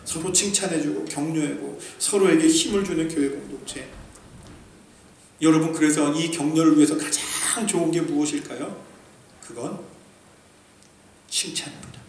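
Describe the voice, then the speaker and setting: A man from South Korea preaching a sermon as a pastor, animated and emphatic, swinging between loud peaks and quiet asides, acting out quoted remarks with humor. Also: a little high, moderate pace, creaky, long pauses. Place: church sanctuary. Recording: echoey distant hall recording with faint noise.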